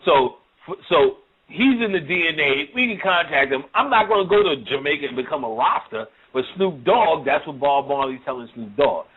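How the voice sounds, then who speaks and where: A man's voice: on the high side, animated, moderate pace, hardly any pauses, slightly rough. A man giving a casual, profane spoken lecture on the occult, talking in a loose, rambling way and often asking "you know what I'm saying?". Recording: tinny phone-like audio.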